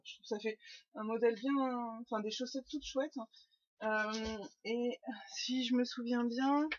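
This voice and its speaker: A woman's voice: fairly high pitch, muffled recording. A woman hosting a knitting podcast, chatting casually to her webcam at home, rambling with lots of fillers and restarts. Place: home room.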